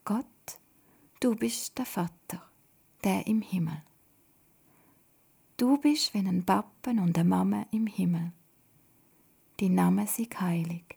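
A woman voicing a young girl who earnestly recites a prayer in a soft half-whisper. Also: medium pitch, slow, creaky, long pauses, slightly rough, exaggerated voice.

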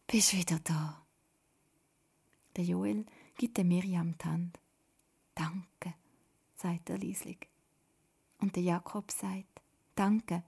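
A woman with a Swiss German accent telling a children's story in whispered storytelling, soft and hushed. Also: fairly low pitch, vocal fry, husky.

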